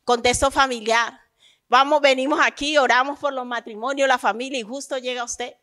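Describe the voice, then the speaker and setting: A woman pastor delivers a lively sermon in a high, bright voice. She throws questions at the congregation and acts out the grumbling of believers. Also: moderate pace.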